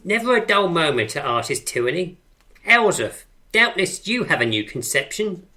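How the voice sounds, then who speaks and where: An actress voices the brisk, pretentious head of a poetry circle in a radio drama, with grand, theatrical articulation and a grandly encouraging mood. Her voice sits low but comes across pushed and bright, with a sing-song lilt.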